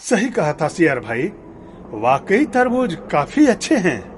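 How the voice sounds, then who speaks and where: A man's voice: fairly high pitch, a little hiss or hum. Man voicing a big kindly cartoon camel. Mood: friendly. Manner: friendly, slow and lively. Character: big trusting good-natured male camel.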